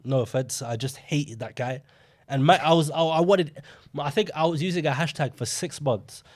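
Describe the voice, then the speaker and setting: A young man co-hosting a podcast, chatting casually about football and telling rambling, animated stories. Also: a little high, moderate pace. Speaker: podcast co-host.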